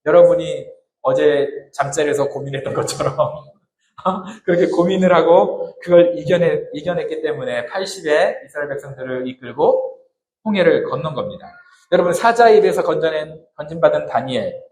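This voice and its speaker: 울림 큰 홀에서 설교하는 남자 목사. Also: male voice, on the high side, normal speed, a little mellow. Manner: conversational, asks the congregation questions. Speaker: pastor. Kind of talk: sermon. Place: church hall. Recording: echoey hall, amateur recording.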